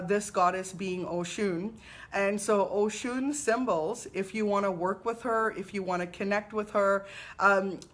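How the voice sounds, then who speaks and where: A woman, a spiritual teacher hosting a live weekly talk, telling stories in an unhurried, reverent way. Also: medium pitch, a bit bright. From Trinidad and Tobago. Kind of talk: live-streamed personal talk.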